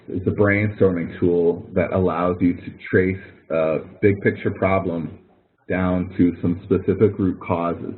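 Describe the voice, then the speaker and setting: A man with a low voice delivers a webinar lecture conversationally, working through examples and correcting himself along the way. The audio is tinny, like a phone call.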